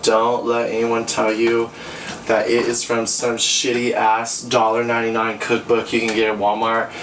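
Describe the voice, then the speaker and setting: A tipsy, giggly American man in his twenties, sassy and sweary, giving casual cooking commentary to a camera a few feet away. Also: medium pitch. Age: 20s. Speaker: host of a home cooking show. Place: small cluttered home kitchen. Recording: echoey kitchen, distant mic, pan noise. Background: sizzling pan and clattering utensils.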